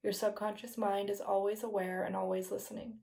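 A woman guiding a yoga nidra meditation in a slow, soothing, hypnotist-like manner with soft phrase endings. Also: mid-range voice, flat delivery, vocal fry. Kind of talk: guided meditation, scripted relaxation narration.

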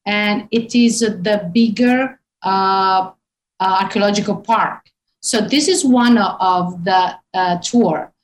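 A woman in her fifties with an Italian accent talks through an interview, stopping often on "uh" and "um" as she searches for English words. Her voice sits at an ordinary middle pitch, and her delivery is easygoing. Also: slow pace, a little hiss or hum, rough recording. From northern Italy. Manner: hesitant, many fillers. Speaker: tour guide guest. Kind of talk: interview on a call.

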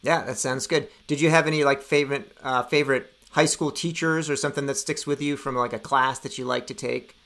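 A man hosts a podcast interview, moving from a scripted intro into easy conversation. His voice is bright and forward, and he sits at a middle pitch. He often drops in quick affirmations while the guest talks. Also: fairly even intonation, gravelly. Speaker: podcast host.

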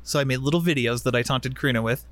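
A man's voice: medium pitch, racing, fairly bright tone, a little hiss or hum. A man co-hosting a casual chat podcast, laid-back and joking, often laughing as he talks. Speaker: podcast co-host.

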